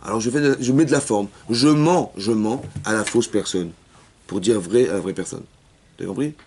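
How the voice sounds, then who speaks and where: A man, a rabbi, teaching a Torah class for women, talking rapidly and repeating himself, often checking that his listeners have understood and acting out little dialogues. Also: lowish voice, a little mellow, breathy edge. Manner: acts out dialogues within his explanations.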